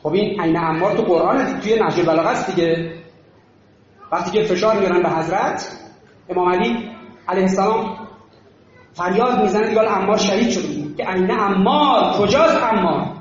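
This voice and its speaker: A man preaching with fervor, his voice pitched unusually high and booming back from the walls of a large hall. He swings from shouted refrains down to low asides, and the recording sounds muffled, with faint noise behind him. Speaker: religious political speaker. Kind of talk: impassioned sermon with storytelling.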